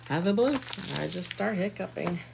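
A woman's voice: lowish voice, brisk, vocal fry, background noise. A woman giving a chatty, folksy live craft tutorial and talking to her viewers as she works. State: hiccuping. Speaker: craft demonstrator.

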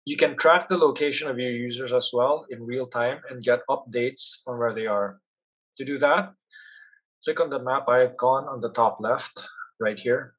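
At a normal speed, a man with a mid-pitched, slightly husky voice guides listeners through a software demo step by step. His screen-share narration is explanatory and instructional, though the audio is a little dull.

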